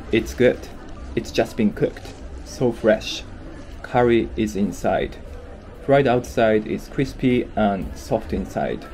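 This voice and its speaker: A man's voice: lowish voice, mellow. Japanese-accented man hosting a food vlog. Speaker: vlog host. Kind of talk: casual food vlog narration.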